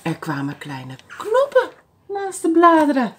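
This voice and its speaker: Slow, sing-song woman reading to toddlers. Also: high voice. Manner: animated, sing-song, speaks to small children. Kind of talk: reading a picture book aloud to young children.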